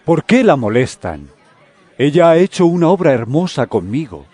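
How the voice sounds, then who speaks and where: Solemn Jesus, bright higher-set male voice. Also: sing-song, breathy edge, no echo, some chatter behind. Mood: gentle rebuke. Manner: solemn, deliberate, measured. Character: Jesus, solemn adult male teacher warning and instructing disciples. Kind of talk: dramatized scripture audio drama.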